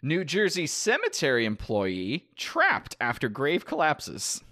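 A man's voice: a little high, takes it slowly, no echo, clean studio sound. A man co-hosting a comedy podcast, reading news stories aloud and laughing through them in casual chat. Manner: animated, laughs while reading out quotes. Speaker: podcast co-host.

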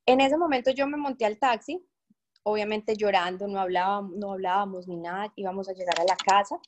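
A woman's voice: mid-range voice, brisk, background noise. Woman telling an emotional faith testimony. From Colombia. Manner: emotional, earnest storytelling addressed to an audience. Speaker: speaker giving a testimony.

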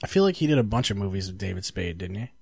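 A man's voice: deep voice, big pitch swings, rapid-fire, gravelly. A young man in casual chat, dry and laconic, going along with the joke.

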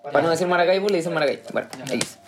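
A man's voice: on the high side, racing, loud music behind the voice. A young man with a Chilean accent, a podcast guest who jokes, swears and defends himself in casual banter. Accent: Chilean Spanish. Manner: joking, defensive, swears often.

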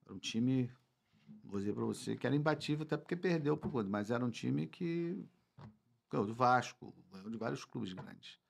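A sixty-one-year-old Brazilian man from Rio de Janeiro, a football club president appearing as a podcast guest, reminisces casually and repeats words for emphasis. His voice is gravelly and medium-pitched, animated and a little fast.

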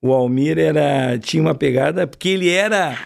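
A man with a gaúcho Rio Grande do Sul accent, hosting a casual podcast interview in a relaxed, chatty way with regional interjections. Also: fairly high pitch, a little fast, vocal fry. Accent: Rio Grande do Sul gaúcho Portuguese. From Uruguaiana, southern Brazil. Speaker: podcast host.

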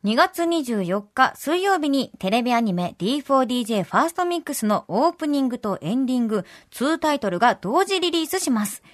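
A woman with a Kansai accent co-hosting a radio program, with a high, animated voice that swings widely in pitch. She reads announcements and chats at a quick clip. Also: dry recording, clean studio sound. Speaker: radio host. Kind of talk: radio show chat and announcements.

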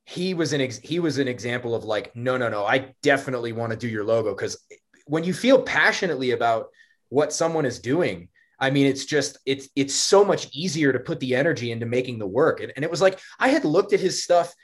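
A man's voice: mid-range voice, lively intonation, fairly quick. Rambling, laughing young man on a podcast. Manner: rambling, laughing, lots of fillers and restarts. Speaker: podcast co-host. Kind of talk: casual podcast chat.

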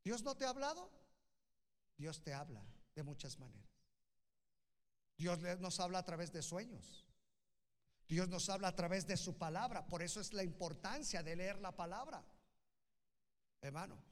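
Male preacher, high voice, passionate sermon delivery in a reverberant hall. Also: moderate pace, pauses often. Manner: impassioned, swings from hushed to loud calls.

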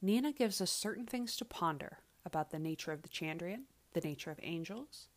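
A woman hosting a solo book podcast in an echoey space, speaking in a measured, deliberate way with dramatic pauses. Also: fairly low pitch, animated. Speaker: podcast host. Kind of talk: podcast monologue, book commentary. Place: away from usual podcast setup, echoey room. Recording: echoey makeshift recording space.

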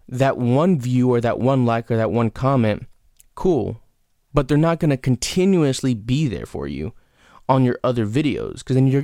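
A man's voice: mid-range voice, gravelly, warm tone, dry recording, clean studio sound. A man hosting his own podcast, giving frank, rambling advice with lots of fillers and restarts. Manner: frank, casual swearing. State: has the hiccups. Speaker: podcast host. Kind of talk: casual solo podcast advice.

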